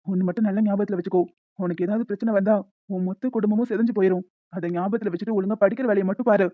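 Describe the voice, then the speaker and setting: In this cartoon, a stern but caring young man, voiced by a woman lectures in a firm, rapid tone. The voice sits at a middle pitch. The recording is dry and dull, with a lo-fi sound. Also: steady tone, no room sound, close to an everyday voice. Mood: gentle. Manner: firm, lecturing, quick-talking. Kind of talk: animated story dialogue.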